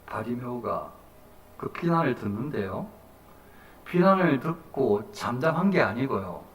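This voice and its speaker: A male pastor preaching a sermon in an emphatic, animated way, recorded from a distance in a church sanctuary. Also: mid-range voice, unhurried, a little hiss or hum. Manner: animated, emphatic, acts out the crowd. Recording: echoey hall, distant mic.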